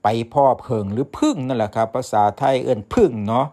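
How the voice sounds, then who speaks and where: Over music, a storyteller with an Isan accent narrates a folktale in a folksy way, speaking directly to his listeners. His medium-pitched voice has a darkish tone, and he talks fast.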